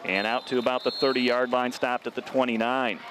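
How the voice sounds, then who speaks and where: A man in a middle register calls a small-town high school football game from an outdoor booth, with faint open-air noise behind him. His delivery stays steady and even through the plays. It climbs hard and loud when a runner breaks free. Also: normal speed. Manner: steady, rises sharply on scoring plays. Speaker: play-by-play announcer.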